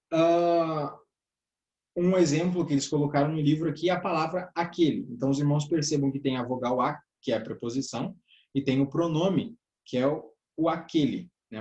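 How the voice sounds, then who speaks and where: A man with a southern Brazilian accent teaches a grammar lesson in a fairly high voice. He goes through each point step by step, checking in with "tá?" and addressing the class as brothers. The room gives his voice a noticeable echo. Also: a little mellow. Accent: southern Brazilian Portuguese. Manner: explains step by step, often ending phrases with "tá?" and "né?"; addresses listeners as "irmãos". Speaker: teacher of a church workers' course. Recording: echoey room.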